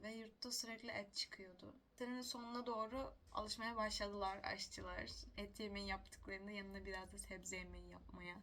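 A woman's voice: mid-range voice, fairly bright tone, a little hiss or hum. A young woman telling stories casually to the camera, chatty and self-mocking, laughing often. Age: young adult. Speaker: vlogger.

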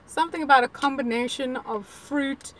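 An easygoing young woman co-hosts a relaxed chat, her voice pitched quite high. She speaks loosely and laughs often. A faint outdoor hiss runs in the background. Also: moderate pace. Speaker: co-host. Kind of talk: casual chat. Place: outdoors in a park.

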